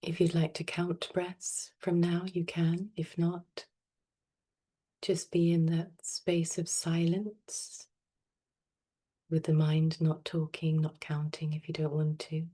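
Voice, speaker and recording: Leading a guided meditation, this teacher has a low and mellow voice. Her soothing, gentle delivery barely shifts in pitch, and she lets long, relaxed pauses fall between each instruction.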